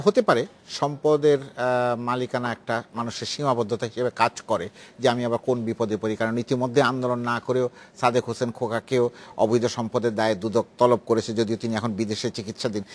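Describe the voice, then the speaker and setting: A man speaking as a guest on a political talk show, lively and full of restarts and asides. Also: mid-range voice, fairly quick. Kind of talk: animated studio discussion.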